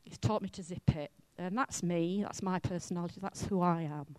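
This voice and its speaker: A woman from Wales with a Welsh accent, preaching a sermon in a chatty, self-mocking and lively way. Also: fairly low pitch, a little fast, no room sound.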